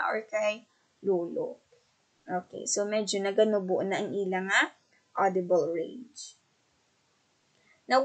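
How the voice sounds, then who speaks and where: Filipino lady teacher, kinda high voice, walks through the lesson step by step. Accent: Filipino, Hiligaynon. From Philippines. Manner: explanatory, repeats "okay" and "so" often. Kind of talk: classroom lecture mixing English and Hiligaynon.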